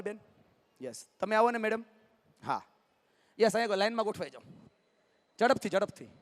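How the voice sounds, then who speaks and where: A motivational speaker, talking live to an audience and coaxing and joking with the crowd. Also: male voice, sits high, long reverb tail. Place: large hall with live audience.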